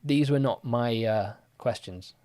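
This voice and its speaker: A man's voice: mid-range voice, a little slow, darkish tone. A young man hosting a live-stream quiz, chatting casually with lots of fillers as he reads and answers viewer comments. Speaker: livestream quiz host.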